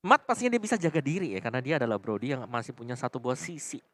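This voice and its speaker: Fast-talking Indonesian male esports analyst. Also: mid-range voice, lively intonation, dry recording. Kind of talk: live analytical game commentary.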